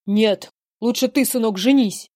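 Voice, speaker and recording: A woman's voice: mid-range voice, fairly even intonation, moderate pace, dark tone, dry recording, studio quality, close to an everyday voice. A woman voicing an old, frail, domineering father who declaims rhymed verse in a pleading, melodramatic way. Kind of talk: dramatic verse play reading.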